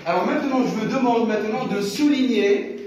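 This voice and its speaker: A man teaching young pupils in a classroom, patiently repeating words slowly and prompting them for answers. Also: extremely high pitch, a little mellow, a little hiss or hum. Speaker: primary school teacher. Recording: echoey classroom from far off.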